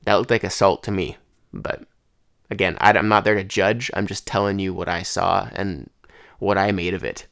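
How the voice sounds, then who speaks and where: Young male podcast host, stuffed-up and congested, low-pitched and close and dry, rambling solo talk. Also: steady tone, moderate pace, creaky, a bit bright, dry recording. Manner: rambling, conversational, with restarts. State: congested throat and head. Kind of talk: casual solo monologue.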